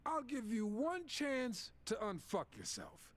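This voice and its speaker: In a video game cutscene, a male actor plays a corrupt police officer who sneers, mocks and gloats while framing a suspect, in an interrogating mood. His voice is very high and exaggerated, with huge pitch swings, and he delivers it slowly over a game music score.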